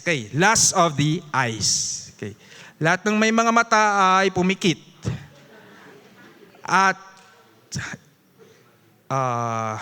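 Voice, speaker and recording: A man with a Filipino accent teaching a Bible study, lively and chuckling, switching between English and Tagalog and prompting the congregation. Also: fairly high pitch. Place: church.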